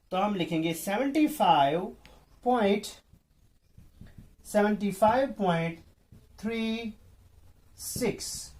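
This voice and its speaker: A man teaching a math lesson, mixing in English terms. He speaks slowly, repeats himself and often checks that students understand. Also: high-pitched, darkish tone.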